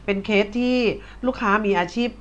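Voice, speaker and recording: Chatty woman host, playful and teasing, on a dull lo-fi recording with polite little particles in every sentence. band-. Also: fairly quick. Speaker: host of an insurance case-sharing show. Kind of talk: casual live-stream interview. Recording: dull lo-fi sound.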